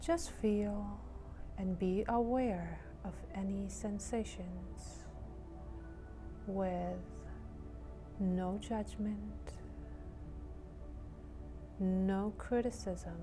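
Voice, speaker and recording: A woman leading a guided meditation in a soothing, gentle manner, leaving long pauses between short phrases. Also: mid-range voice, fairly even intonation, music in the background.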